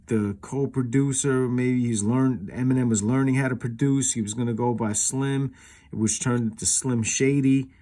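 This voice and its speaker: This man has a medium-pitched, dark-toned voice. He's a collector running his own video, offering an off-the-cuff comparison and rambling through his explanations with plenty of "you knows."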